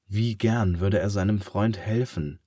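Male storybook narrator, low, slow and expressive, dry booth sound. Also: slightly rough, dry recording. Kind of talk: children's story reading.

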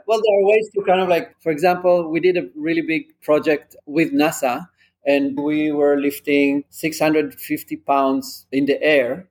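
A man's voice: fairly high pitch, a little mellow. Man explaining in an interview. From Israel. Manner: earnest, practical, explains with examples. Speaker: drone company founder. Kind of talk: conversational interview answers.

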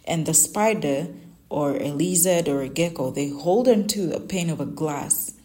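Her voice is low-pitched, mellow, and expressive, moving at a moderate pace. She's a young woman, Luganda her first language, who hosts a Bible devotional podcast. There she reflects and teaches on scripture and her life in an earnest, conversational way.

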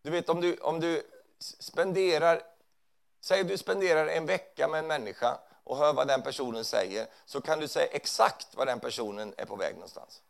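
A man whose voice is on the high side, with vocal fry, preaches in a church hall. He talks to his listeners conversationally, checking in often with tag questions.

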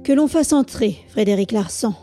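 A woman voicing a cocky young male reporter who speaks in an unhurried, self-assured way. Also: a little high, lively intonation, warm tone, soft background music.

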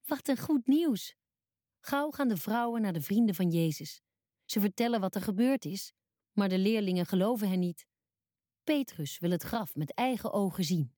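A woman narrating a scripted children's Bible story, telling it calmly, clearly and simply. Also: mid-range voice, moderate pace, dry recording, studio quality.

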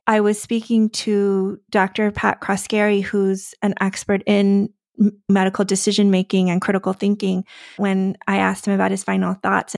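A woman host speaks in a candid, conversational way, her voice carrying plenty of gravelly fry at a middling pitch. The sound is dry and close. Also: no echo. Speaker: podcast host. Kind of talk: conversational interview.

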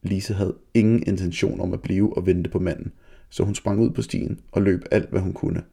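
Gravelly low-voiced male storyteller. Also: fairly even intonation, mellow. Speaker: narrator and author. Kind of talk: storybook reading.

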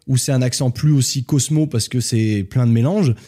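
Young male podcast host from France, relaxed chatter, warm dark tone. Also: mid-range voice, brisk. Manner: relaxed, talkative, switches between French and English. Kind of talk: casual podcast chat.

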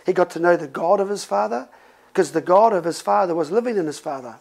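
A man's voice: high voice, fast talker, gravelly, low-quality recording. A middle-aged male pastor preaching in a conversational, storytelling way. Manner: conversational, animated storytelling with laughs. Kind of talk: sermon.

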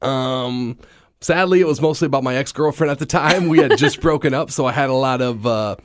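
A stand-up comedian speaks fairly quickly in a medium pitch during a casual interview. His voice is slightly scratchy after a long day, and he's self-deprecating and laughs often.

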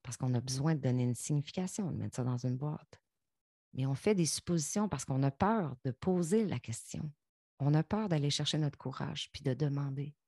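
A Québécois woman speaks in a deep, husky, mellow voice. She coaches her viewers earnestly, speaks to them directly, and slips in bits of English. The sound is dry and close, with no room around it. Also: moderate pace, dry recording. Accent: Québécois French. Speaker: self-help speaker. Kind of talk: motivational talk to viewers.

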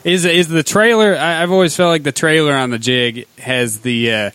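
A man's voice: a little high, moderate pace, fairly bright tone, smooth, no echo. A man from Wisconsin co-hosting a fishing show, casually chatting and asking questions. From Wisconsin, United States.

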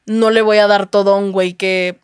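A woman's voice: medium pitch, level tone, fairly quick, clear, resonant tone, no echo, studio quality. A young woman with a Mexican accent, a guest telling her story in casual chat, candid and full of slang and swearing.

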